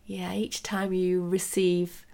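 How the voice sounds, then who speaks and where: A woman speaking as a spiritual meditation teacher, gentle and measured, pausing between phrases. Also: on the low side, completely flat delivery, creaky. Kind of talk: unhurried spiritual guidance talk.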